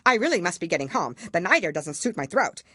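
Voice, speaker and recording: A woman's voice: on the low side, sing-song, fast, bright, forceful tone, no echo, pitched above the performer's own voice, heavily acted. A woman voicing a prim, careful old magpie in a storybook, speaking in a fussy manner. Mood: fretful.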